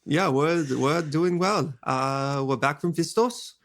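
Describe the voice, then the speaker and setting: A man's voice: fairly high pitch, takes it slowly, a bit bright. A man chatting and improvising casually as a player in a tabletop role-playing game.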